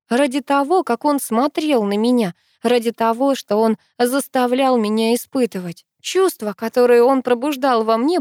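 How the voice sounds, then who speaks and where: Woman audiobook narrator, intimate and expressive, slightly high voice, dry close sound. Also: no room sound. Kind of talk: first-person romance audiobook reading.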